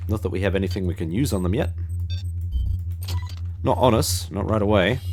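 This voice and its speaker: A man's voice: deep voice, normal speed, a little mellow, faint music behind. A man giving casual, chatty video game commentary, talking wryly to himself and his viewers as he plays. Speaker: video game longplay host.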